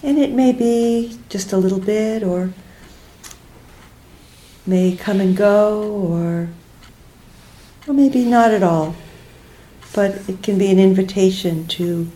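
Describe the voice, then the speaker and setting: Captured in a rough recording, a female teacher leads a guided meditation at medium pitch. Her delivery is soft and unhurried, with short phrases broken up by pauses.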